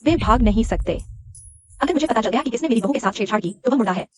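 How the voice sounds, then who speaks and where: Brief: actress as a knowing, protective village mother, high-ish pitch. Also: lively intonation, fast, husky, dry recording, studio quality. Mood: scheming. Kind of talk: Hindi drama dubbing.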